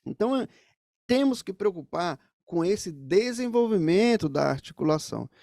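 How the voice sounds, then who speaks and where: A man's voice: high-pitched, very animated, normal speed, gravelly, mellow, no echo, clean studio sound. A man teaching saxophone, explaining things straight to the viewers in a music lesson.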